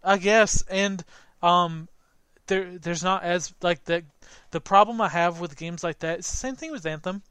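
A man chatting as a podcast host, rambling and jokey as he restarts his thoughts. His voice is smooth and clear and sits a little high. The sound is dry and close, with no room around it. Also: unhurried, fairly bright tone, dry recording. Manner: rambling, self-interrupting, jokey. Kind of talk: casual chat.

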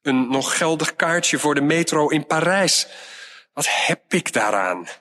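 A fretful, sighing mother who scolds and complains, her voice lifted a little higher than plain narration, as a male reader puts her on. The tone is bright and forceful, and she sounds worn out. It is storybook reading with plain, clear delivery. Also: lively intonation, a little slow. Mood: exasperated.

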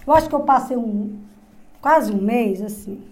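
Speaking at a normal speed in a voice on the high side, a middle-aged woman shares her own story as a guest. She talks casually but with animation, voicing the people she quotes and sometimes sinking into a whisper.

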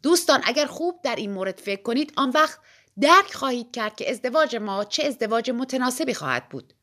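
A woman's voice: a little high, very animated, bright, forceful tone, pitched above the performer's own voice. A woman voicing a tiny male engineer who jokes theatrically and speaks with mock solemnity. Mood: mock-earnest. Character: tiny jesting male engineer, showy and playful.

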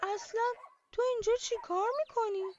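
Woman doing a gruff barking farm dog. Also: very high-pitched, steady tone, highs cut off, a little hiss or hum, voice pushed up. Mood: firm. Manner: barking, loud and firm.

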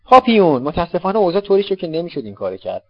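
A man voicing an excitable young male escaped convict who talks eagerly and emphatically. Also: sits high, no echo, pitched above the performer's own voice. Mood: earnest. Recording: dull lo-fi dry recording.

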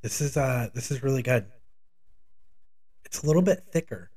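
A man's voice: mid-range voice, expressive, moderate pace, a little mellow. A tired man co-hosting a podcast, chatting in a playful, joking way. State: tired from little sleep. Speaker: podcast co-host. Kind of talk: casual chat.

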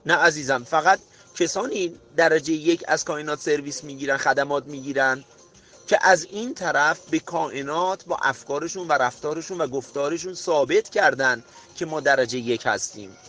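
High bright preachy man. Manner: preachy, emphatic, rising to near-shouts. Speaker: motivational podcast host. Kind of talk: motivational monologue.

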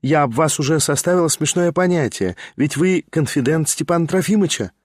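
An impulsive young woman, quick to blush and eager to talk, as a male reader puts her on for an audiobook. Her voice sits noticeably higher and keeps tumbling into excited exclamations. The recording is dry and close. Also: dry recording. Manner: excited, rushing, emotional exclamations. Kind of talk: audiobook character voice.

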